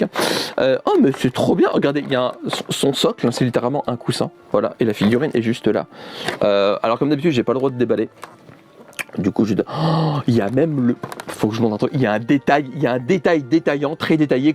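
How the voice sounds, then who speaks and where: Lively playful French-speaking man. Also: mid-range voice. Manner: rambling, playful, laughs often. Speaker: YouTuber unboxing a subscription box. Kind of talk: casual unboxing chat.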